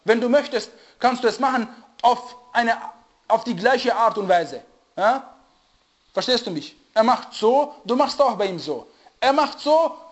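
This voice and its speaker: High-voiced man teaching, searching for words. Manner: often pauses to search for German words; asks listeners to confirm they follow. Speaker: religious teacher. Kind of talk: religious lecture to listeners. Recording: dull lo-fi recording.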